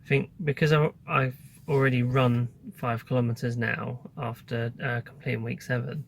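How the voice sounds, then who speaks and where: Casual male vlogger with a creaky voice. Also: medium pitch, slight background noise. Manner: hesitant, informal, thinking aloud. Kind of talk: casual update to camera.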